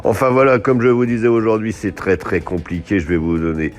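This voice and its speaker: A man's voice: fairly low pitch, muffled recording. A man giving horse racing tips in a chatty live show, reading out viewer messages and stretching out horse names. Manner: chatty, animated outbursts, drawn-out horse names.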